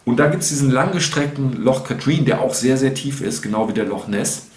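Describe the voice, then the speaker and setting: A man's voice: medium pitch, fairly quick. A man in his sixties talks casually across a home table, rambling with plenty of restarts and fillers. His voice sits in the middle of a man's range. The room around him sounds roomy and echoey. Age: 60s. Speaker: whisky review host. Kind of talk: casual chat.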